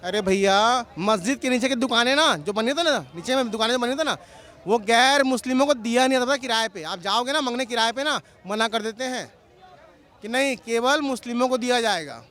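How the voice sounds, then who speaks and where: A man's voice: very high voice, fairly quick, a bit bright. A man outdoors in a street interview, arguing his point and appealing to listeners. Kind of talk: heated street vox pop.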